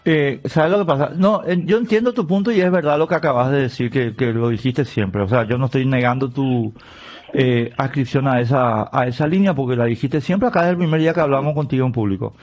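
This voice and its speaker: A man hosting a live radio interview, pressing his guest with questions in quick bursts. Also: mid-range voice, a little mellow. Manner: probing, fast bursts of talk. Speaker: radio host. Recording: dull lo-fi radio sound.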